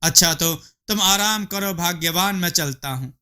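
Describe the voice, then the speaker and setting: A man's voice: sits high, normal speed, pushed and bright, smooth. A man voicing a simple-minded village farmer husband in a storybook tale, fussy and full of exclamations. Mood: coaxing.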